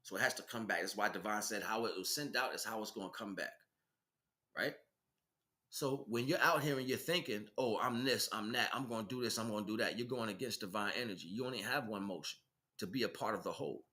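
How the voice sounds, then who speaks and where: A man with a fairly low, bright voice and a forceful tone preaches briskly in an unscripted spiritual monologue. Hosting a livestream, he leans on emphasis and repeated phrases.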